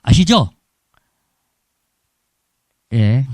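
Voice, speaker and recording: A man's voice: mid-range voice, extremely slow, no echo. A middle-aged man with a Gyeongsang Korean accent, giving a humorous missionary testimony in a church. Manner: lively storytelling with humor. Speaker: missionary speaker. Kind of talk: testimony sermon.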